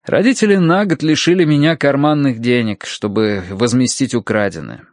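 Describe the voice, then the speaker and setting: A man narrates an audiobook in an expressive, storytelling manner, using a mid-range voice at normal speed. The recording is studio quality with no echo.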